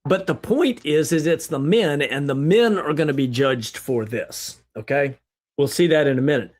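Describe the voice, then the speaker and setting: A man leading an animated Bible study discussion, asking rhetorical questions and exclaiming often. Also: on the high side, moderate pace. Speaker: livestream Bible teacher.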